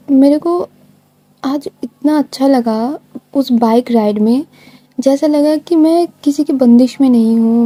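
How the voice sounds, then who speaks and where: A woman's voice: on the high side, mellow. A woman casually narrating a love story, retelling it in a chatty, informal way with many fillers and acting out the characters' dialogue.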